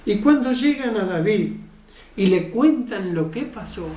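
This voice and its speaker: Slow-preaching woman in an echoey room. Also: mid-range voice, warm tone, distant mic. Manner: slow, emphatic preaching with repeated phrases. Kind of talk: sermon.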